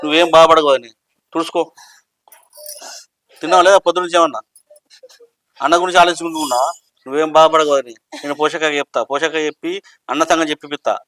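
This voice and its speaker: A man playing a fast-talking young brother-in-law. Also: on the high side, steady tone, a bit bright, no echo, lightly acted. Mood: consoling. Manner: rapid, comforting. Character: eager young village brother-in-law, consoling and boastful.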